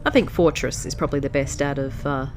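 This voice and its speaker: With music in the background, a woman with a rumbling low voice talks quickly while playing a strategy game. Her hay fever makes her sound stuffy and nasal. She hosts let's plays and comes across as chatty and easily sidetracked in this casual commentary.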